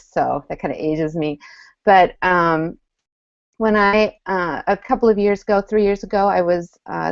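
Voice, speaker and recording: A woman's voice: low voice, clean tone, no room sound. A middle-aged woman with a Minnesota accent, chatting on a panel video call. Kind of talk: casual panel chat. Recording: dry muffled video call audio.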